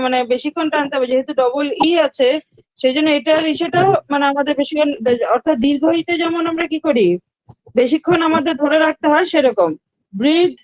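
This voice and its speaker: High-voiced woman teaching pronunciation. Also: no echo, low-quality recording. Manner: patient, repeats words and spells them out. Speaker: English teacher. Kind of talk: online class.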